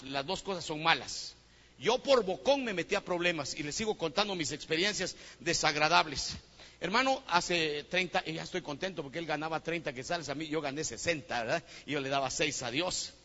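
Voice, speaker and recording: A Guatemalan man preaches with a high, bright, forceful tone. His sermon swings from lively storytelling to loud exhortation. His voice rings through a church hall with a long reverb tail. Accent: Guatemalan Spanish. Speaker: pastor.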